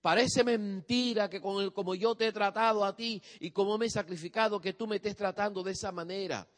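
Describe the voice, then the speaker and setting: A man's voice: sits high, fairly even intonation, a little fast, long reverb tail, voice pushed up, lightly acted. A man voicing a reproachful parent who scolds a teenager and lays on guilt.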